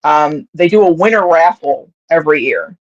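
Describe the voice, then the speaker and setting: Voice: mid-range voice, animated, normal speed. Rambling podcast host, dull lo-fi audio. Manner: rambling storytelling with many fillers and restarts. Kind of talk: casual sports podcast chat.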